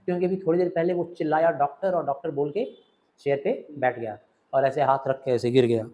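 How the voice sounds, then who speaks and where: Animated male teacher explaining a play. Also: a little high, brisk, low-quality recording. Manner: animated, acts out scenes while explaining. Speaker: literature teacher. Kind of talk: Hindi lesson explaining a play.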